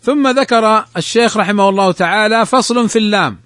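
A man with a high voice teaches the rules of Quran recitation. He explains each rule step by step and slows down to recite and repeat the example words. The recording is close and dry, with no room sound. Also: a bit bright, dry recording. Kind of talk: lesson on tajweed rules.

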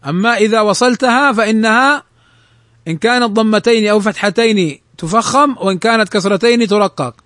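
High-voiced man teaching recitation rules. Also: fairly bright tone, no room sound, studio quality. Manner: explains step by step, slowly recites and repeats the example words. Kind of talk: lesson on tajweed rules.

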